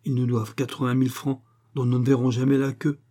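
A husky-voiced man voicing a sarcastic, nagging middle-aged bourgeois wife in an audiobook reading. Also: medium pitch, flat delivery, mellow, close to an everyday voice. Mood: scolding. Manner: sarcastic, nagging, quick to scold.

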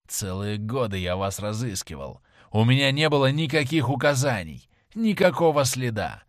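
A grim, vengeful sailor, voiced by a male reader speaks slowly and heavily, each word a threat. His pitch swings widely between low growls and sharp rises. The audiobook sound is dry and close. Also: big pitch swings, no echo, lightly acted. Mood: menacing. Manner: slow, heavy, menacing delivery. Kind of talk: audiobook character reading.

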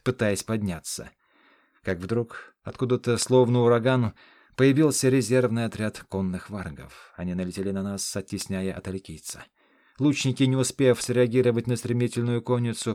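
A man's voice: medium pitch, darkish tone, no echo. A man narrating a fantasy battle in first person, in an intense, dramatic storytelling manner, on a close studio mic. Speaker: audiobook narrator. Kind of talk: scripted narration.

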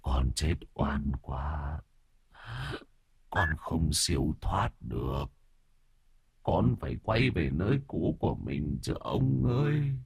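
A man voicing a mournful headless male servant ghost who speaks in a low, slow, wheezy moan. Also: lively intonation, a little mellow, no echo, studio quality, full character voice. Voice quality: wheezy, rasping.

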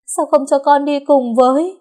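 A woman voicing a grief-stricken teenage girl, crying out in high, loud, sobbing pleas. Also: steady tone, moderate pace, natural voice. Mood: wailing.

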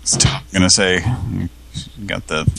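A man hosting a prank call show in loose, wry chat, with swearing dropped in as he goes. His voice is very deep and gravelly. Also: level tone, normal speed, a bit bright, a little hiss or hum. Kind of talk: casual chat.

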